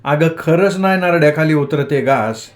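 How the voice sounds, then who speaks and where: A man voicing a wounded young village son in a storybook reading, his lines sitting a little high. He pleads plaintively and sounds hurt. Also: moderate pace, lightly acted. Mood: hurt, pleading.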